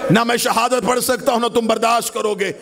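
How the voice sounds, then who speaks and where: A man's voice: very high voice, steady tone, a little fast, a bit bright. A man delivers a mourning-gathering sermon from the pulpit, chanting it with passion that keeps rising toward wailing cries. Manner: impassioned, melodic chanting that swells into wailing cries. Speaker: majlis orator. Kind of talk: chanted Shia majlis sermon.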